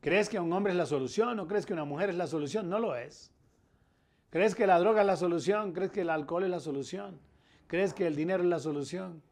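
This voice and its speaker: A middle-aged man with a Colombian accent preaching a sermon as pastor, his loudness rising and falling as he presses his points. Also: sits high, fairly quick. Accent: Colombian Spanish.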